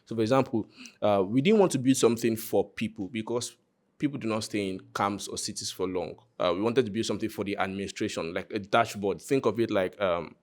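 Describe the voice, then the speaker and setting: In a lowish voice and at a fairly quick clip, the Nigerian creator walks listeners through his hackathon project. The live presentation is informal and conversational, full of jokes aimed right at the audience.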